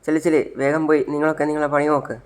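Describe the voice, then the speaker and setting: A man's voice: fairly high pitch, level tone, fast talker, lightly acted. A man voicing an arrogant, bossy man who orders people out and sneers at them. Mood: sneering. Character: arrogant man throwing someone out.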